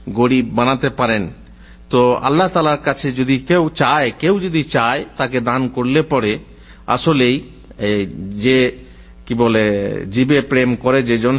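A male Islamic preacher giving a sermon in an animated storytelling way, quoting Arabic and then explaining it. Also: mid-range voice. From Bengal. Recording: dull lo-fi audio.

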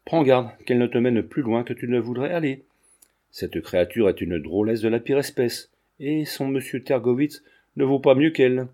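An earnest young man snaps back in a sharp, indignant way, played by a male narrator. His voice is mellow underneath the heat. He sounds protective and quickly provoked. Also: medium pitch, natural voice.

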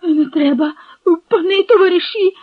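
Reader plays a terrified little informer, whimpering and high-pitched; dry, lo-fi audiobook read. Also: normal speed, no echo. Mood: pleading. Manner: high, trembling, whimpering pleading. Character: frightened scrawny man, a cowering spy. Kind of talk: audiobook reading with character voices. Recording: dry, dull lo-fi recording.

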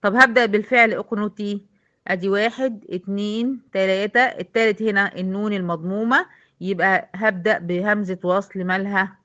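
A woman's voice: medium pitch, steady tone, fairly quick, bright, forceful tone, muffled recording. A woman with an Egyptian accent teaching a recitation lesson, patiently quizzing her female students step by step. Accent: Egyptian Arabic.

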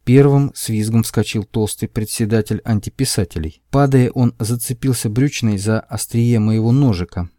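A man giving a wry, expressive first-person audiobook narration of a comic science-fiction story. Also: lowish voice, moderate pace, hardly any pauses, no echo, studio quality.

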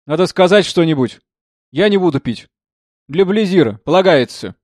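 Man voicing a shrill young tavern singer. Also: lively intonation, moderate pace, darkish tone, dry recording, studio quality, lightly acted. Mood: tired, curt. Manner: shrill, scolding. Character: shrill young woman harp singer, prickly, weary.

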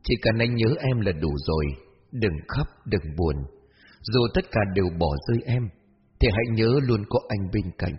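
A man voicing a gentle, mysterious young stranger in a storybook, speaking softly and tenderly. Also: fairly low pitch, moderate pace, big-room sound, dull audio, a little hiss or hum, natural voice. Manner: soft, hushed and tender. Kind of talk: storybook narration.

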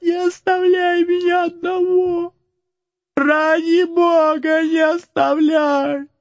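A man voicing a frightened little boy who pleads through tears in a high, slow voice. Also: little pitch movement, dry recording, lo-fi sound, heavily acted. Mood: tearful. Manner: tearful, high-pitched begging.

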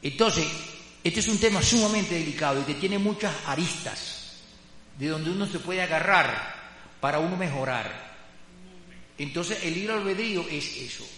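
A man's voice: fairly high pitch, lively intonation, normal speed, bright, forceful tone. A man giving a rambling, emphatic testimony in a religious class, repeating his phrases as he goes. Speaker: class participant. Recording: roomy hall with faint hum.

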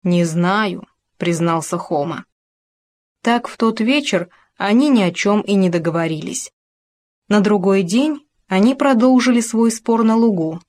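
A woman narrating a children's story in a lively, expressive storytelling manner. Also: medium pitch.

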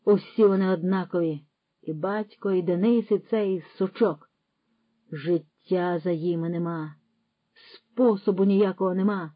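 A woman reading a classic story aloud as narrator, in a steady, expressive manner. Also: on the low side, measured pace, no echo. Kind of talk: audiobook reading of classic prose. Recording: dry, slightly dull audio.

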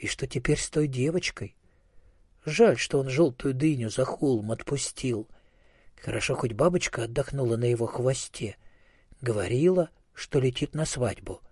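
A man narrating a storybook in a calm, measured way. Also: mid-range voice, husky, no echo, studio quality.

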